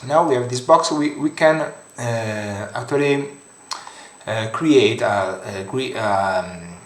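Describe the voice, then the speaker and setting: A man with an Italian accent, a native Italian speaker, guiding a screen-recorded software tutorial in halting English with many fillers. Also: mid-range voice. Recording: roomy echoey home room.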